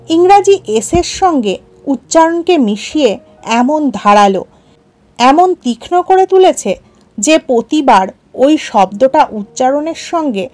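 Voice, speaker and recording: A woman narrating a story in a measured storybook reading, as a storyteller for her listeners. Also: high-pitched, a little mellow. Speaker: audiobook narrator. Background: faint music.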